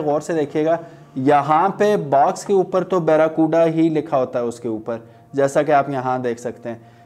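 Seated in a small studio room, a Pakistani man gives a casual review of motorcycle grips, chatty and persuasive, with English phrases mixed in. His voice is fairly high in pitch with a darkish tone.

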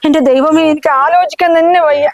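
A middle-aged woman playing a scheming, sharp-tongued mother who nags and insults in a short film drama. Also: high voice, steady tone, fairly quick, muffled recording, natural voice. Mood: persuading. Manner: scornful, nagging, insulting. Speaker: mother-in-law.

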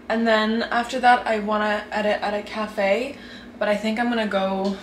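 A young woman talking casually to her camera while making breakfast at home, full of "like" fillers. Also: medium pitch. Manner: chatty, lots of "like" fillers. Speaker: vlogger. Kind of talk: casual vlog chat. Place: home kitchen. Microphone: handheld camera mic. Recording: echoey room with faint noise.

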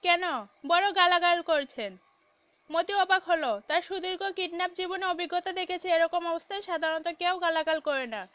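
A woman narrating a children's novel aloud in a lively storytelling read. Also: extremely high pitch, a little fast, few pauses. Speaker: audiobook narrator. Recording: dull, dry recording.

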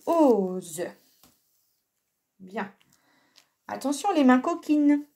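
Slow, lively-voiced woman teaching children. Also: fairly high pitch. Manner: slow, clear and patient, sounding out letters. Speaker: primary school teacher. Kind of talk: recorded lesson for young children.

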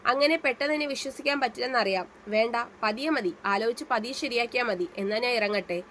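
Woman reading a guilty old dad begging forgiveness, storybook, highish voice. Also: fairly quick, fairly bright tone, a little hiss or hum, close to an everyday voice. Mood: remorseful. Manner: pleading, heavy with guilt. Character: older man, remorseful father begging forgiveness.

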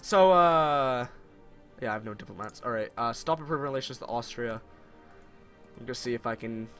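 A young Canadian man chats and teases his co-player during a multiplayer strategy game, laughing at his own jokes. His mid-range voice is brisk and a bit bright, and faint game music plays in the background.

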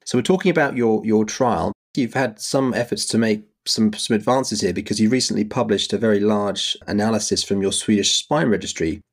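A man's voice: lowish voice, a little fast, hardly any pauses. A man interviewing on a podcast, wordy and tentative, often rephrasing as he goes. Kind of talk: interview questioning.

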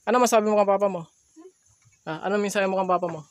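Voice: mid-range voice, fairly even intonation, fast, no echo. A Filipino vlogger with slightly slurred speech from missing front teeth, talking casually to viewers and interviewing people on camera. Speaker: vlogger interviewing a family and host. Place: open rural shelter.

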